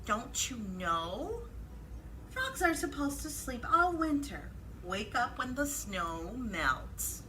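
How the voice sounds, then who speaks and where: A woman's voice: fairly high pitch, very animated, takes it slowly, pushed and bright, slight background noise, full character voice, rough recording. A woman voicing a firm mother frog in a children's storybook, chiding and instructive.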